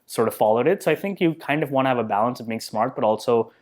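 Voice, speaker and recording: An Indian man in his thirties, guesting on a podcast, speaks in a mid-range, slightly mellow voice at a quick pace. He's easygoing and humble, thinking aloud through a casual interview with lots of fillers and self-deprecating, thoughtful remarks.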